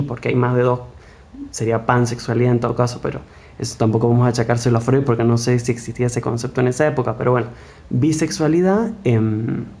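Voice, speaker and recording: A man's voice: medium pitch, darkish tone. Argentine man musing in a wry, rambling way. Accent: Argentine Spanish. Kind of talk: live online panel conversation.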